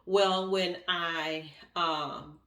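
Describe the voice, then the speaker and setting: Lower-voiced woman telling a story, roomy sound. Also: very slow, far from the mic. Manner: animated retelling, acts out what others said. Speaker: vlogger. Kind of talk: casual storytelling vlog. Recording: echoey room, voice off-mic.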